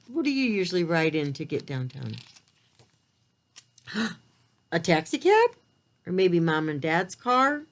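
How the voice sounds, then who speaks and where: Reading a picture book aloud to preschoolers, a woman with a slightly low voice tells the story expressively. Her pitch swings in a lively way, though her pace stays slow. She addresses the children in simple, direct language.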